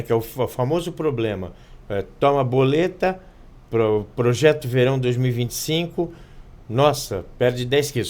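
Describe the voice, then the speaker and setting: Halting male podcast host. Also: mid-range voice, darkish tone. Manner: halting, restarts words, leans on tag questions. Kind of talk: casual podcast interview.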